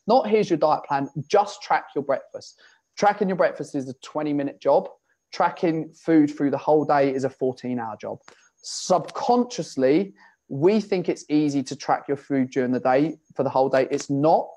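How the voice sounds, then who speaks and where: A man with a voice pitched a little on the high side, talking as an online fitness coach. He tells animated stories, slips into his clients' voices to act out conversations, and swears freely while giving casual, frank advice. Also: moderate pace.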